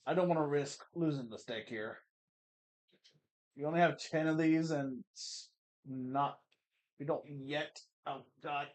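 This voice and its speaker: An excitable gaming streamer who talks slowly between bursts, the pitch swinging widely from mutters to yelps. Swears freely and laughs easily, with quick frustrated outbursts over mistakes and chatty asides to viewers. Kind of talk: let's play commentary.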